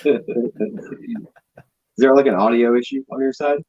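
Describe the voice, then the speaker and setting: A man's voice: medium pitch, steady tone, moderate pace, darkish tone, no echo. Casual man hosting over a dull call. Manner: friendly, filler-heavy, apologetic. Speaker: podcast host. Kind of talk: casual video-call chat. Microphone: video call.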